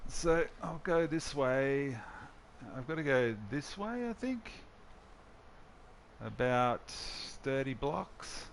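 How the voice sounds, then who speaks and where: A man's voice: medium pitch, lively intonation, slow, slight background noise. A man hosting casual gameplay commentary, musing and thinking aloud as he plays. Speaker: host.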